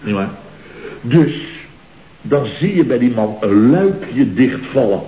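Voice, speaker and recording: An actor playing a chatty, boastful boss of a construction firm in a 1960s radio comedy, talking in rambling, jovial asides. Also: male voice, medium pitch, animated, slow pace, warm tone. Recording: dull, roomy old radio recording.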